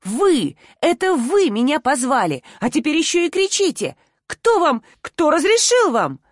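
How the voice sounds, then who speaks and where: A woman's voice: expressive, normal speed, dry recording, studio quality. Kira, a woman playing an indignant young woman. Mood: indignant shouting. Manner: indignant, tearful, shrill when upset. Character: young woman student, hurt and defiant.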